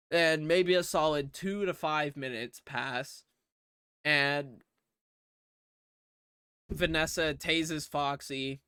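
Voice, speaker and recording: A man talks through a movie plot at an unhurried, slow pace, rambling loosely with plenty of uhs and casual swearing. His voice is smooth and clear, a bit higher than most men's. The sound is dry and close. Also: bright, forceful tone, no echo. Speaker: movie reviewer.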